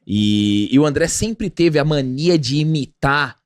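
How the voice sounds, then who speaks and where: A man's voice: a little high, lively intonation, unhurried, no room sound, clean studio sound. A man hosting a podcast, asking rambling questions with lots of restarts. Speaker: podcast host. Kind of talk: casual interview chat.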